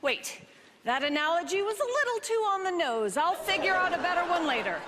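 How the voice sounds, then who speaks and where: High-voiced woman hosting a show. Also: sing-song, fairly quick. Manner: bright, jokey announcing. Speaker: show host. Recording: loud crowd and noise.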